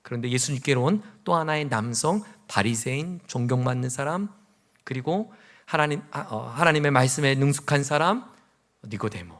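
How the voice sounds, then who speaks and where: A man's voice: mid-range voice, expressive, moderate pace, fairly bright tone. A male pastor preaching a sermon in an earnest way, full of rhetorical questions.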